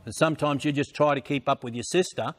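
A man's voice: mid-range voice, fast. An older man working as a swim coach, calling out short, repeated drill instructions and counts across an indoor pool. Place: large indoor swimming pool. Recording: noisy indoor pool, splashing ambience.

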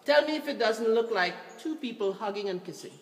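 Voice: medium pitch, lively intonation, brisk. A tour guide leading a group through a cave, giving instructions and repeating directions, recorded from a visitor's camera. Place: inside a dark cave. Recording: echoey cave from far off.

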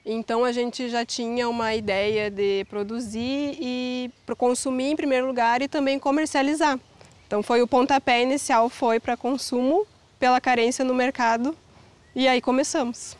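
Woman farmer in her 30s explaining stuff calmly, outdoors, kinda high voice. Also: normal speed. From Brazil. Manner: calm, plain, explanatory. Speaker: organic farmer. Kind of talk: interview answers. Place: outdoors on a farm.

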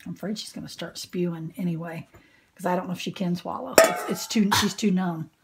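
A woman's voice: fairly low pitch, fairly even intonation, a little fast, very noisy. A woman talking casually as a caregiver, practical and cautioning, in a home phone video. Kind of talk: casual chat. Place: small bedroom.

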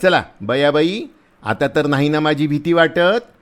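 Man playing a gruff soldier, loud, scolding, teasing, big swings in pitch, storybook reading. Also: lively intonation, measured pace. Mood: blustering. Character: big gruff soldier, blustering but kind.

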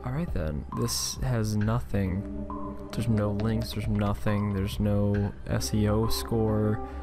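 A man's voice: fairly low pitch, steady tone, takes it slowly. A man giving casual, rambling online commentary in an unimpressed, exasperated manner. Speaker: YouTube channel host. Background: background music.

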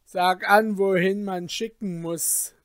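A commanding caliph passing judgment in a storybook, measured and authoritative, slow and deliberate, as a male reader plays him. A dry, close recording with no room. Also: high voice, steady tone, dry recording, voice pushed up. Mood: stern.

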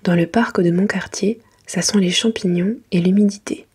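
Breathy whispering woman reading a bedtime story. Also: mid-range voice, fairly even intonation, normal speed. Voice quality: breathy, mostly whispered soft voice. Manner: gentle, careful reading to children. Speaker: narrator reading a children's picture book.

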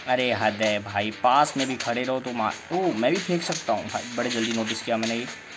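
A man giving live gameplay commentary, excitable, groaning and yelling at the fight as it goes. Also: mid-range voice, brisk. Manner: excitable, shouts and groans at the game. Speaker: gaming YouTuber. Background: game music.

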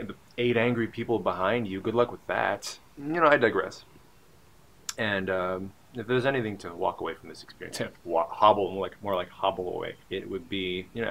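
Young man, vlogger, rambling storyteller, gravelly low voice, faint background hiss. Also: fairly bright tone. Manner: rambling, musing, lots of fillers and asides. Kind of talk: casual storytelling monologue.

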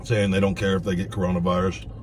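A man's voice: deep voice, level tone, fast, slight background noise. A man talking while eating, blunt and profane, in a casual food vlog from a parked car. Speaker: food vlogger.

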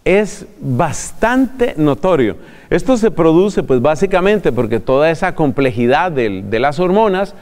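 A man with a high voice gives a talk in an easy, chatty way, addressing the listener directly and chuckling now and then. A long reverb trails behind his words. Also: a little mellow. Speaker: preacher. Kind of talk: recorded religious talk.

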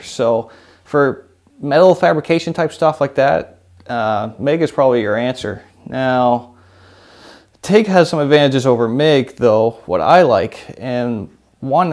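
A man in his thirties hosting a workshop video, talking casually to the camera in an indoor home shop with a lapel mic, relaxed and rambling with lots of fillers. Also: mid-range voice.

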